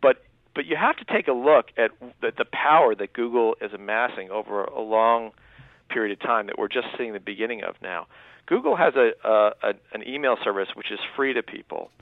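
Thirties male guest, earnest and halting, tinny phone-line audio, dry. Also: mid-range voice, lively intonation, no echo. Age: 30s. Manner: earnest, full of restarts and filler. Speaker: guest, newspaper writer. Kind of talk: radio interview, explaining. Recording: thin phone-line sound.

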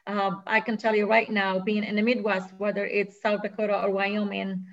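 A woman's voice: mid-range voice, level tone, moderate pace, muffled recording. A woman from Morocco with a Moroccan accent, speaking earnestly as a radio interview guest, with many hesitations and restarts.

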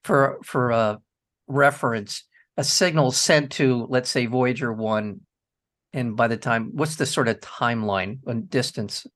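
A man's voice: mid-range voice, unhurried, a bit bright. A man hosts a film radio show and chats with a guest director. He sounds enthusiastic and keeps restarting his phrases while he works toward his point. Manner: enthusiastic, thinks aloud with restarts. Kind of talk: radio interview.

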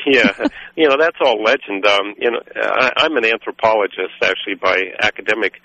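A very low-pitched man from Guatemala talks in a halting, rambling way full of fillers. His tone is forceful and bright. The dry, dull radio recording has a lo-fi edge. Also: dry recording. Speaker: coffee roaster, guest. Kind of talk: radio interview.

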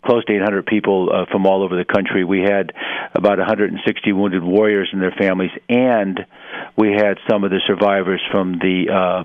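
A man in his sixties gives a radio interview in a lowish voice. He explains things haltingly, pausing and repeating words as he goes. The sound is somewhat dull and lo-fi. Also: little pitch movement, dry recording. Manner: halting, hesitant delivery with many pauses and repeated words. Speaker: interview guest, head of an adaptive sports organization.

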